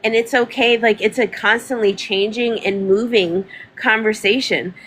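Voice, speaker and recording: A woman's voice: on the high side, fairly even intonation, moderate pace, a bit bright, slightly rough. A woman, talking casually and emphatically on a livestream, repeating words for stress. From North Carolina, US. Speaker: livestream host.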